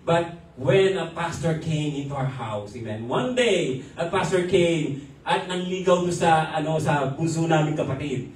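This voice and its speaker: Man, Filipino accent, pastor, testimony sermon, high voice, distant mic, booming hall echo. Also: animated, a little slow, a little hiss or hum. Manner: switches between Filipino and English, chuckles often. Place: church hall. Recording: echoey hall from far off.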